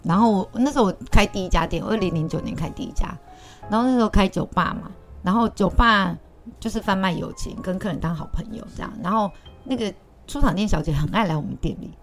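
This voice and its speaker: A woman's voice: medium pitch, fast talker. Taiwanese woman, 30s, bar-owner guest, talkative storyteller; faint background music. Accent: Taiwanese Mandarin. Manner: chatty, laughs often, acts out quoted people. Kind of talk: casual storytelling chat.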